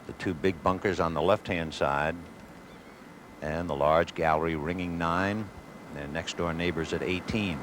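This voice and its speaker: A man's voice: low-pitched, steady tone, moderate pace. A man giving live golf commentary with wry, wisecracking asides. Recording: noisy outdoor broadcast with crowd, 1980s. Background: outdoor gallery crowd and ambience.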